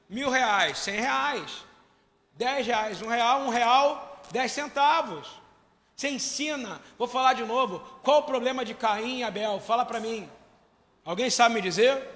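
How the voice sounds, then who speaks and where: A man preaching a sermon, questioning his congregation and swelling to shouts. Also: extremely high pitch, long reverb tail. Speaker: pastor.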